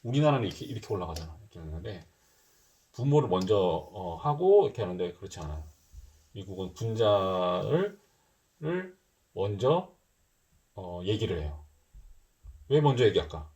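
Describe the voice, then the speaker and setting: A man's voice: on the low side, big pitch swings, moderate pace, pauses often, warm tone. A middle-aged man teaching a middle school math lesson in a casual style, thinking aloud and mixing polite and casual speech. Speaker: math tutor.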